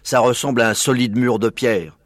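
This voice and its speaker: A man reading a storybook aloud and voicing Badger, a kind, honest male badger who speaks in an earnest, unhurried way. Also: medium pitch, steady tone, dry recording, clean studio sound, close to an everyday voice. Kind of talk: audiobook reading.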